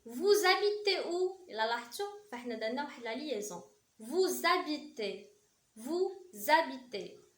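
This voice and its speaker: A Moroccan woman teaching French to beginners, repeating each phrase slowly and emphatically, then adding quick asides. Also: sits high, big pitch swings, reverberant. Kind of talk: language lesson for beginners.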